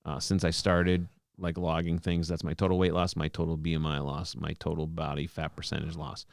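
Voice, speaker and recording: A podcast co-host in his forties chats casually and explains things at length, restarting often. His bass voice is monotone, brisk, and creaky, captured in a clean, dry studio with no room sound.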